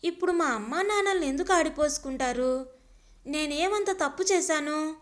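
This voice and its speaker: A timid young wife, voiced by a woman narrator, speaks up hesitantly and with hurt. Her voice is high and soft-edged. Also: moderate pace, close to an everyday voice. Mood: hurt pleading. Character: timid young housewife pleading with husband.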